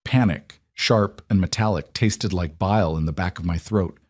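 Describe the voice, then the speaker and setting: A man narrating a first-person romance story in a steady, even reading. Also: low voice, moderate pace, husky, no room sound, studio quality.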